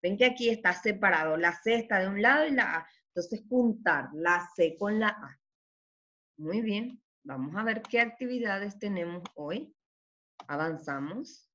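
Slow, careful woman teacher. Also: medium pitch, animated, fairly bright tone, lo-fi sound. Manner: slow and deliberate, often checking with "¿sí?"; sounds out syllables carefully. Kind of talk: children's reading lesson.

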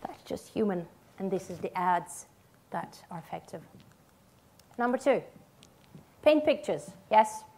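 A woman's voice: medium pitch, expressive, a little slow, long pauses, a little mellow, slight background noise. A woman in her thirties giving a conference talk, emphatic, with short punchy statements and check-in questions. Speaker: conference speaker, radio ad writer. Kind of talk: conference presentation. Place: theatre stage.

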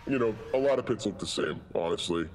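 A man playing a laid-back, foul-mouthed demon, chatting in a rambling, deadpan way. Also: on the low side, fast talker, a crowd in the background, natural voice. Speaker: co-host of a gaming let's play. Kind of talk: casual improvised comic chat. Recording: clear game noise behind the voice. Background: video game sound effects and ambience.

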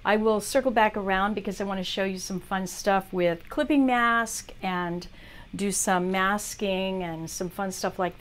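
A woman teaching art on a livestream, chatting casually as she talks viewers through a drawing demo. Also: mid-range voice. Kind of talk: live demo tutorial.

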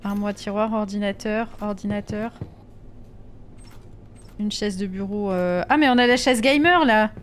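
A woman's voice: mid-range voice, normal speed, hardly any pauses, a little hiss or hum. A woman chatting during a live gameplay stream, reacting to viewers' messages and sometimes slipping into English with a French accent.

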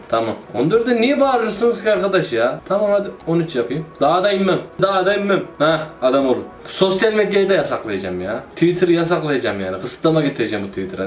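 A man giving casual, joking commentary while playing a city-building game and talking to himself. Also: medium pitch. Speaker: gaming YouTuber. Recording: roomy echo.

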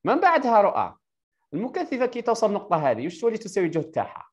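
A male electrical engineering teacher with an Algerian Arabic accent, giving a live tutoring lesson over a video call and quizzing his student with rapid-fire questions before confirming her answers. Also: sits high, wildly swooping pitch, muffled recording, slight background noise.

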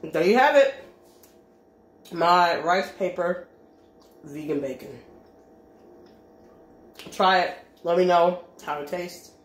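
A woman's voice: lowish voice, takes it slowly, long pauses, a little hiss or hum. A woman chatting casually in a cooking vlog, filling her talk with "like" and talking while she eats. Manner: chatty, frequent "like" fillers, talks while eating. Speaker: vlogger. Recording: echoey room.

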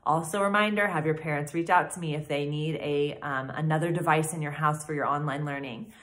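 A woman teacher reading a chapter book aloud to her class with clear, expressive storytelling, then signing off with announcements. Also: deep voice, brisk. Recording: echoey room.

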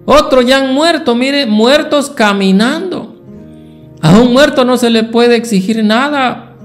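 A man's voice: extremely high pitch, measured pace, soft background music. A man preaching a Sunday school sermon, asking the congregation rhetorical questions.

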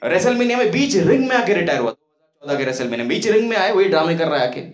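A young man performing a stand-up comedy set on a small club stage into a handheld mic, telling self-mocking stories with animated delivery. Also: high voice, fast. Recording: roomy club with loud crowd laughter. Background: audience laughter.

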